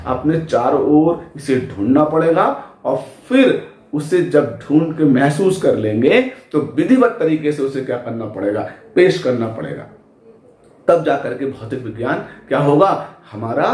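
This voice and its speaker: A man's voice: on the high side, a little mellow. A man teaching physics in speech at a board, who asks the class questions and answers them himself. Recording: echoey room.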